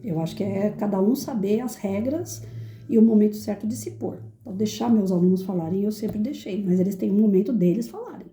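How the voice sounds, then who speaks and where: Dark-voiced woman teacher in an echoey room. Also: fairly quick. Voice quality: firm, clear projecting voice. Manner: acts out quoted lines in sudden high shrill voices. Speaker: teacher and educator. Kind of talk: reflective talk to an audience.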